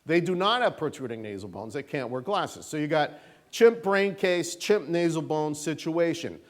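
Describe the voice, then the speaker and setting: A middle-aged man teaches a church Sunday school class in a casual, animated, folksy style, with a sarcastic edge and plenty of fillers. His voice is a little high and he speaks at normal speed.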